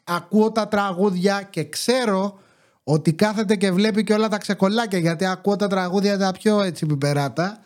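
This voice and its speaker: A man hosting a podcast, telling stories about his neighbours in a chatty, joking way with mock exasperation. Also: sits high. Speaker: podcast host. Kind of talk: casual storytelling monologue.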